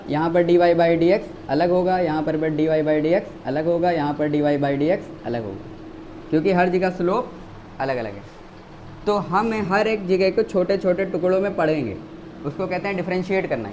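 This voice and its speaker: A man's voice: high voice, normal speed, a little mellow, slight background noise, low-quality recording. A man with an Indian accent teaching a maths lecture, asking the class questions, answering them himself and repeating key words.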